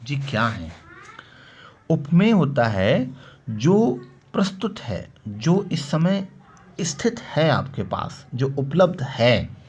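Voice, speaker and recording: Guy teaching a lesson slow and steady, asks himself questions then answers em, kinda dull lo-fi audio. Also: medium pitch, slightly rough. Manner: explains slowly, quotes verse examples in a drawn-out recital; repeats key terms, asks and answers his own questions. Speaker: Hindi grammar teacher. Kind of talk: classroom-style lesson. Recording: dull lo-fi sound with faint background noise.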